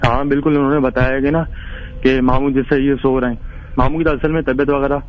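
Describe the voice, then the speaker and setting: A man's voice: mid-range voice, level tone, a little fast. A man calling in to tell a ghost story in a rambling, casual way, with many restarts. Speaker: caller. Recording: tinny phone line.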